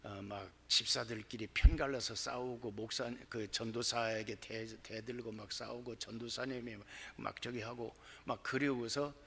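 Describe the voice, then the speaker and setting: A man preaching a sermon, telling his own story in an animated way that turns loud and excited. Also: medium pitch, moderate pace, creaky, few pauses, slight background noise. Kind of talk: sermon testimony. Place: church.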